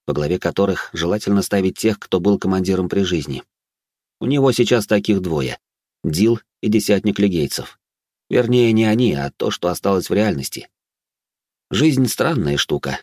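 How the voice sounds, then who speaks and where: Low-voiced man narrating a fantasy book. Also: darkish tone, dry recording, studio quality. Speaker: audiobook narrator.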